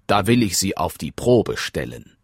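A man playing a greedy, commanding king who speaks slowly and in a stately manner. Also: low-pitched, big pitch swings, breathy edge, no echo, studio quality, exaggerated voice. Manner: slow, stately, demanding.

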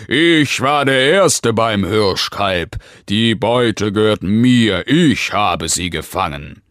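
A man's voice: fairly low pitch, expressive, slow, fairly bright tone, dry recording, clean studio sound. A man snarling as an angry bear. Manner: hissing with anger.

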